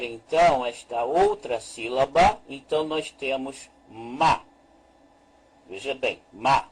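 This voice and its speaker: A man teaching a slow, deliberate lesson as a Hebrew teacher, repeating each point and walking through a chart on screen. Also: mid-range voice, slightly rough, rough recording.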